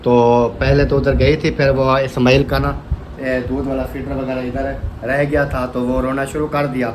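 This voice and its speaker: A man's voice: medium pitch, flat delivery, normal speed, noisy background. A family vlogger talking casually and directly, repeating his points and checking in with "okay?". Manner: direct and repetitive, keeps asking "theek hai?". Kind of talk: casual vlog talk.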